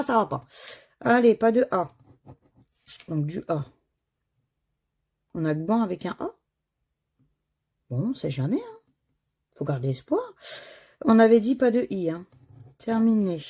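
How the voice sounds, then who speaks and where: Woman, gravelly, husky, slow-paced, scratch-card commentary, spelling out letters. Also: medium pitch, warm tone. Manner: reads out words and letters one by one, sighs at misses. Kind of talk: casual commentary while scratching tickets.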